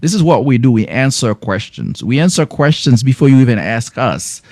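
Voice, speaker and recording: A man's voice: medium pitch, sing-song, normal speed, a little mellow, no room sound, studio quality. A man with a French accent hosting a live health education show from a clinic, closing out with effusive, repeated thanks to his viewers. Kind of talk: live-stream sign-off.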